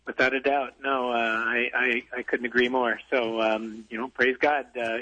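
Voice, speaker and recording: A man's voice: mid-range voice, level tone, bright, forceful tone. A man calling in to a radio talk show over a phone line, chatting casually and eagerly agreeing with the host. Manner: eager, agreeable, quick to affirm. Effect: radio show caller heard over a phone line. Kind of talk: casual call-in chat.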